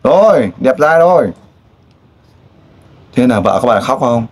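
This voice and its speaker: A man runs a casual interview. He pushes and teases, firing off pointed questions one after another. His voice sits at an ordinary middle pitch, and he often breaks off into loud exclamations. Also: very animated, normal speed. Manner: pushy, teasing questioner with frequent exclamations. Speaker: street interviewer.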